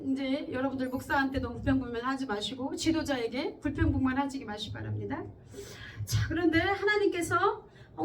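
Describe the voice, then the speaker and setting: A woman pastor preaching a sermon in a conversational way, often checking in with her listeners and acting out quoted speech. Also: high-pitched. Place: church. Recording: distant mic with faint background noise.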